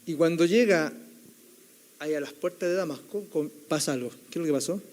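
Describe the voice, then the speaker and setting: Young man, theology student, preaching; higher-pitched voice with a mellow, soft edge; keeps checking in with the congregation. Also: a little fast. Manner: keeps adding the tag question "right?", storytelling tone. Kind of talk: sermon.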